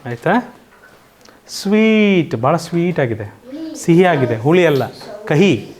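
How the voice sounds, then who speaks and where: A woman with a Kannada accent teaches an online coaching class in a lowish voice. She drills English words one by one, asking the class and supplying each answer herself. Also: animated, takes it slowly, darkish tone.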